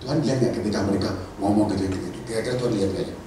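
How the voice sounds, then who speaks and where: A man preaching a lively sermon as a pastor, acting out characters in playful voices. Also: on the low side, very fast, noisy background. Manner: animated, acts out Bible characters in voices. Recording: echoey church hall, mic at a distance.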